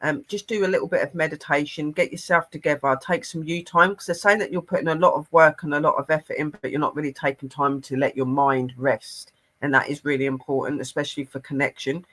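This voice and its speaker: A man's voice: on the high side, fairly even intonation, a little fast, a bit bright. A man, co-hosting and passing on a channeled spirit message in an earnest, rambling way. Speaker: spiritual medium co-host.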